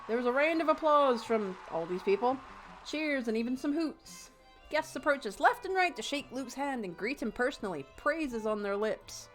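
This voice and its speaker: Woman streamer, reads game text aloud, sarcastic jokes, slightly high voice, faint music behind. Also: expressive, normal speed. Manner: playful, sarcastic asides. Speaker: streamer playing a story game. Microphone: desk mic, no headphones.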